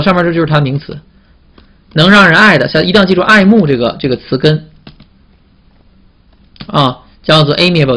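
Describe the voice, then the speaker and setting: Man, teacher, vocabulary lesson, slightly high voice, call-and-response questions. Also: fairly bright tone. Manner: repetitive, drawn-out "啊" fillers and call-and-response questions. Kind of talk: classroom vocabulary lecture.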